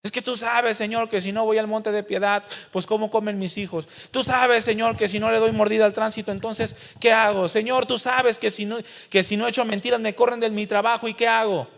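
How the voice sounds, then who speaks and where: Man acting out a wavering believer, pleading and making excuses, Mexican accent, highish voice, long hall reverb. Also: steady tone, a little fast, creaky, few pauses, a bit bright. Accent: Mexican Spanish.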